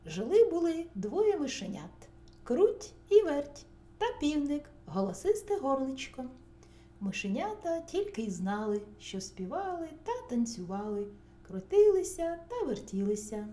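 A woman narrating a children's bedtime story, gentle and expressive with soft whispered asides. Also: high-pitched, unhurried. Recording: roomy recording, faint hum.

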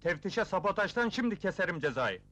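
An actor playing a cheeky, quick-witted young man in a 1980s film comedy, teasing and playful. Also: sits high, very animated, sharp tone, exaggerated voice. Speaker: film lead.

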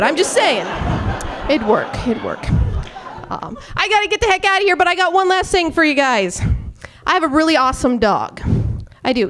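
A young woman performing a stand-up comedy routine on a club stage, telling stories with acted-out quotes into a handheld mic. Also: sits high. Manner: animated storytelling with acted-out quotes and gestures.

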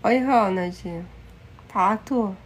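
A woman from Manaus with a Brazilian accent, hosting a casual livestream and greeting viewers one by one by name, slipping into halting Spanish. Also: mid-range voice, breathy edge. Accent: Brazilian Portuguese. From Manaus, Amazonas, Brazil. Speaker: livestream host. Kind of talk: casual live chat with viewers.

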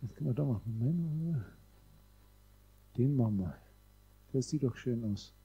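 A man giving a seminar lecture to a live audience, explaining step by step, speaking straight to his listeners and sometimes drawing out vowel sounds slowly. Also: mid-range voice, animated, warm tone, breathy edge, muffled recording.

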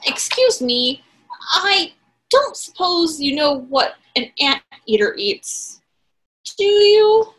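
A courteous, hungry anteater from a storybook, apologizing and asking questions in a high, lively voice that climbs and dips, as a woman reading aloud puts it on. The delivery is slow and bright. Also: heavily acted. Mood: polite. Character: polite hungry young anteater.

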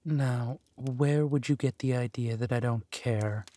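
A man plays a possessive, menacing villain husband who is tender to his spouse in a roleplay audio drama. His mid-range voice has a warm tone close to an everyday voice, and he delivers lines in a slow, soothing, theatrical way.

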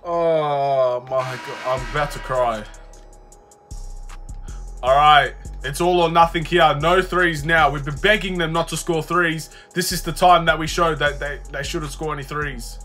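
A man giving excitable live commentary on his own video game, swearing and calling out "bro" often. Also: fairly high pitch. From Australia. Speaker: gaming YouTuber.

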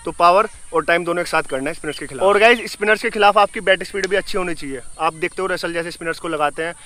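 A young man gives a cricket batting lesson outdoors, speaking quickly in a bright, forceful voice. His pitch sits a little high for a man, and he stays energetic as he demonstrates each move. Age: young adult. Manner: energetic, demonstrates while talking. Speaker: cricket coach. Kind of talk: instructional talk to camera.

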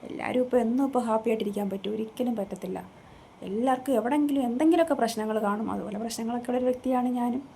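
A woman's voice: on the high side, racing, dark tone, slight background noise. A woman vlogging in a casual chat from a room at home, talking into a phone she holds herself, earnest and rambling, going over the same points again and again. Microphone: phone held in her own hand.

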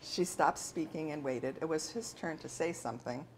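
There's a faint hum in the room as a woman author, her voice fairly low, reads her novel at a bookstore event. She delivers it in an even, measured way.

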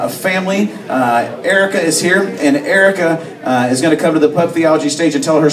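A man hosts from a bar stage, his slightly high voice picked up by a distant camera. The room rings with echo and a crowd murmurs behind him. He talks with frequent hesitant fillers. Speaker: event host. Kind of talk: live stage presentation. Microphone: handheld mic, far camera. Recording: echoey bar from far off, crowd noise. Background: crowd chatter.

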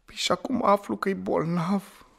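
A flustered man tangled up in an affair. He stammers, repeats himself and keeps cutting in with pleading protests. A guilty, fumbling lover rather than a smooth one. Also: high-pitched, fairly even intonation, a bit bright, heavily acted. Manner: stammering, pleading, talks over others. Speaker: lover in a radio play. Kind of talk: radio theatre acting.

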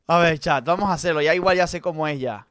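A man streaming a horror game live, talking to his chat and swinging between mutters and loud outbursts. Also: fairly high pitch, quick pace, a little hiss or hum. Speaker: gaming streamer. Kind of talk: live let's-play commentary.

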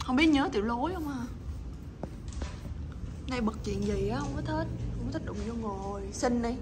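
A woman's voice: on the high side, lively intonation, moderate pace, noisy background. A woman chatting with her pets in a teasing, coaxing way, laughing often. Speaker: pet channel host. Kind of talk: casual chat to her pets.

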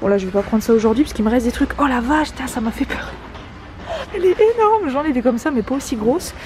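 A woman's voice: sits high, animated, quick pace, a little mellow. A woman in her twenties vlogging casually, her voice slightly muffled through a face mask. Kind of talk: casual shopping vlog chat. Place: car, then large busy discount store. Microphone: handheld camera at arm's length. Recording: clear background noise, store and vehicle ambience.

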